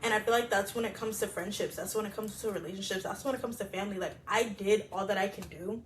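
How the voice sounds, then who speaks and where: A woman in her twenties co-hosting a casual podcast, telling stories in an animated way with lots of laughter and fillers. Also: mid-range voice, quick pace, a little hiss or hum. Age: 20s. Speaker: podcast co-host. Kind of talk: casual chat.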